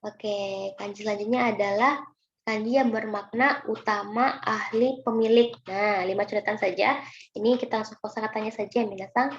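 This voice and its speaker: A woman with an Indonesian accent walks her students through kanji in a recorded online lesson, patient and chatty. Her voice sits at an ordinary middle pitch. The recording is roomy and a little dull, with faint noise underneath. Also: steady tone, normal speed. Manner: patient, chatty, often addresses students as minasan. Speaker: Japanese kanji teacher.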